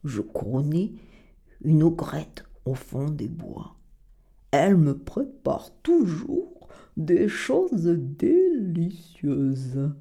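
Little pig, put on by a woman reader; soft, slow, mellow. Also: low-pitched, sing-song, breathy edge, exaggerated voice. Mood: earnest. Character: friendly little pig, male. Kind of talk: children's storybook reading.

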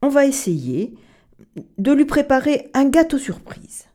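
Kindly ogress, put on by a woman reader; lively pitch, mellow tone. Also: a little slow. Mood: welcoming. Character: kindly ogress cook, female. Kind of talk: children's storybook reading.

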